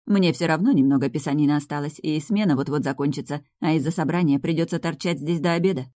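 A woman plays an unhurried, wry doctor friend. The voice stays low and mellow, close and dry, close to the narrator's own. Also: no echo, lightly acted. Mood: easygoing. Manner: easygoing, wry.

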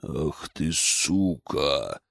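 A man's voice: extremely low pitch, sing-song, extremely slow, vocal fry, fairly bright tone, dry recording, clean studio sound, pitched below the performer's own voice, exaggerated voice. A man voicing a hulking, hot-tempered fighter who growls and snarls. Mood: snarling.

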